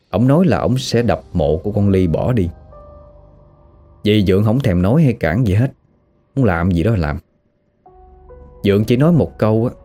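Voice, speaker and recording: A man telling a ghost story in a lively, animated way. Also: lowish voice.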